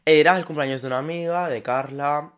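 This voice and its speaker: A young man, co-hosting a casual podcast and telling stories in an animated way, laughing often. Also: on the high side, brisk, smooth. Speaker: podcast co-host. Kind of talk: casual chat.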